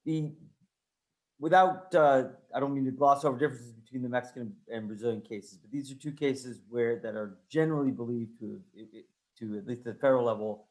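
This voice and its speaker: A man's voice: mid-range voice, a little fast. A man putting a question to an online panel, careful and restarting his phrases. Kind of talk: webinar panel discussion.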